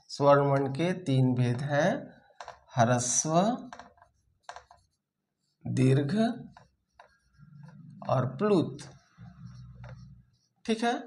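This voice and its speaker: A man teaching a lesson, slowly dictating notes, repeating phrases and checking in with his students. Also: fairly high pitch, darkish tone. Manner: slow and deliberate, repeats phrases for dictation, ends points with "theek hai". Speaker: Sanskrit teacher.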